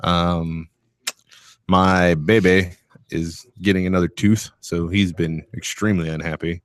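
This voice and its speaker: A man's voice: low voice, flat delivery, measured pace, no room sound. A man co-hosting a casual show from a studio, laid-back and given to dry wisecracks. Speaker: podcast co-host.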